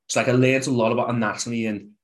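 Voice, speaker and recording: A man's voice: medium pitch, steady tone, quick pace. Young Scouse man, podcast guest, casual and rambling. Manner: rambling, heavy use of "like". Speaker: podcast guest, fitness coach.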